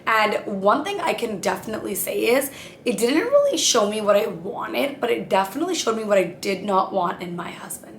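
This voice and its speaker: Gravelly-voiced woman in her twenties, chatty. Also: medium pitch, very animated, brisk, a bit bright. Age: 20s. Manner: chatty, earnest, addresses viewers as "you guys". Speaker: relationship vlogger. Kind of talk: casual advice vlog. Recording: echoey room with faint ambient noise.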